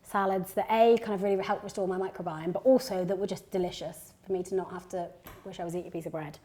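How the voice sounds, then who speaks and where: A woman in her thirties from Birmingham, England, a company founder, chats casually while cooking in her home kitchen, with lots of fillers and restarts. Her voice is on the low side with a dark tone, fairly even intonation, and a quick pace.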